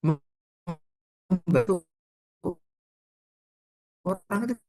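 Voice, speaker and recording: A man's voice: high voice, drawn-out words, a little mellow, no echo. A male preacher giving an earnest sermon over a call, his voice choppy and breaking up from a bad connection. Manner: earnest, recites Arabic verses then explains them. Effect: choppy, breaking-up internet call audio. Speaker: ustaz giving a religious talk.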